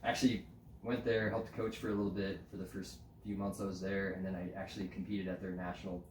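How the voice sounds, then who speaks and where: A man from the United States, a podcast guest and climbing route setter, telling stories in a casual, animated way with frequent laughs and lots of "like" fillers. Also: sits low, fast, distant mic. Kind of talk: casual conversational storytelling. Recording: roomy, off-mic, faint background noise.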